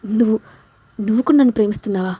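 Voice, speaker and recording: A possessive young man whose voice runs fierce and cold, then softens with love, as a woman reads him in a storybook. The tone stays warm and mellow, with an even, everyday pitch. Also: rapid-fire, husky, natural voice. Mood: overjoyed.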